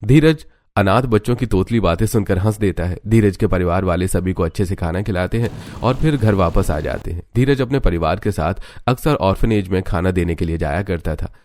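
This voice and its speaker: A man narrating a cartoon story in a steady, scripted way. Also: deep voice, a little fast, slight background noise.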